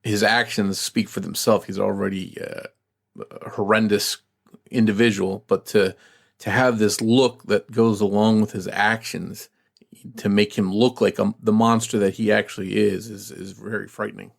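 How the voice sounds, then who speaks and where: A low, gravelly man's voice with plenty of fry, co-hosting a true crime podcast. He reads case details steadily and then muses aloud, halting and restarting as he thinks. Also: little pitch movement. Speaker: podcast co-host.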